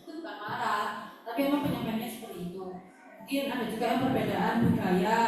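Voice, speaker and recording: A woman's voice: fairly high pitch, dark tone. A young woman, giving a chatty talk to students as a guest speaker, full of filler words. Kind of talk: talk to a campus audience. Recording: echoey hall, far from the mic.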